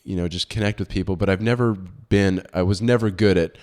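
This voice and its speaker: A man hosts a business podcast, opening the conversation in an upbeat, welcoming way. His voice is a little low and relaxed, and he leans on casual fillers like "uh" and "kinda.". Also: fairly quick. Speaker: podcast host. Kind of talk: interview hosting.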